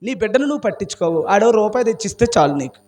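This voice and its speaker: A man's voice: high voice, lively intonation, rapid-fire, darkish tone. A male pastor preaching a sermon with passion, asking his congregation question after question. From India. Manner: impassioned preaching with rhetorical questions.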